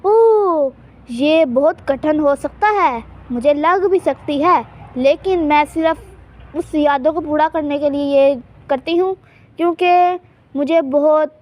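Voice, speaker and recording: A gameplay channel host narrates a life-sim game in character, speaking slowly in a high, slightly mellow voice. She's chatty and teasing, often hinting at secrets she won't reveal.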